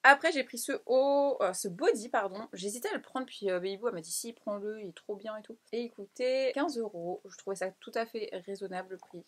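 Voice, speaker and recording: A young woman talks through her clothing haul in a loose, chatty vlog voice. She jumps between excited exclamations and quieter asides, laughing often. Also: mid-range voice, fairly quick, few pauses. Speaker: fashion vlogger. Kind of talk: casual haul vlog chat.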